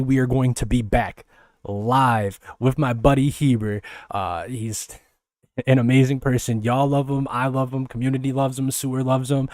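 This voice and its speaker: A man hosts his podcast alone and talks in a loose, rambling way, full of fillers and restarts. His voice sits at a middle pitch. It is recorded close and dry, with no room sound. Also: darkish tone, no echo. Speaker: podcast host. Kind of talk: casual podcast monologue.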